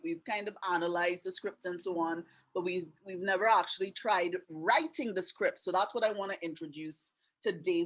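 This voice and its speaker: A woman from Trinidad and Canada with a Trinidadian accent tinged with Canadian, hosting an online webinar in a chatty, friendly way with many asides, on a computer mic. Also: medium pitch. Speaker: webinar host and teacher. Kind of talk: casual online webinar presentation.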